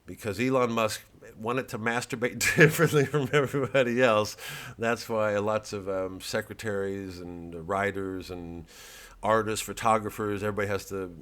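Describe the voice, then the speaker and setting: This middle-aged comedian's fairly low, fairly bright voice stays fairly even in intonation at normal speed. He rambles through a promotional monologue in a halting, sardonic, profane way, with plenty of filler words and restarts.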